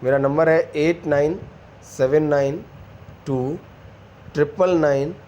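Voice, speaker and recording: A man's voice: fairly high pitch, fairly even intonation, a little mellow, lo-fi sound, a little hiss or hum. A man teaching a physics lesson, mixing Hindi and English and often asking his students whether they follow. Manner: asks students quick check questions, calls them beta.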